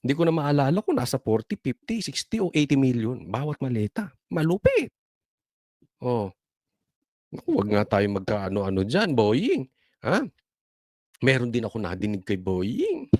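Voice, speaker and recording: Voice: medium pitch, huge pitch swings, moderate pace, pauses often, a little mellow, no echo, studio quality. A political commentator talking casually, sarcastic and full of rhetorical questions, chuckling between points.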